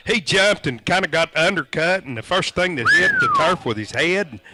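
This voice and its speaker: A man's voice: sits high, big pitch swings, moderate pace, heavy background noise. An American man co-hosting a sports show, chatting casually and reacting to his partner.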